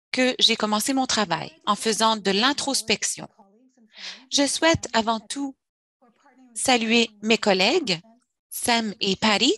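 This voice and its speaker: A woman working as a simultaneous interpreter, giving a formal, measured French rendering of a webinar presentation with uneven phrasing. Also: on the high side, a bit bright.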